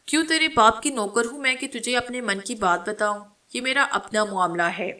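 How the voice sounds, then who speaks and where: A woman reading the lines of a vengeful female witch spirit in a dramatic story, taunting and giving rough commands. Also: a little high, bright, forceful tone. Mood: scornful.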